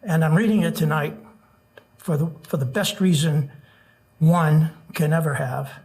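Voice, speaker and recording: A man speaking as a poet at an open mic, introducing and reciting verse in a measured, deliberate manner with pauses. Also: on the high side, darkish tone. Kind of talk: spoken introductions and poetry recital to an audience.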